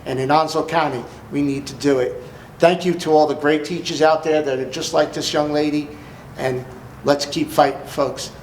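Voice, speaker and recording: A man's voice: fairly high pitch, fairly even intonation, moderate pace, darkish tone, echoey room, slight background noise, low-quality recording. A man with a New Jersey accent, hosting an interview in a folksy, emphatic way. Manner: folksy, emphatic, repeats "let me tell you". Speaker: host. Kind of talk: casual interview.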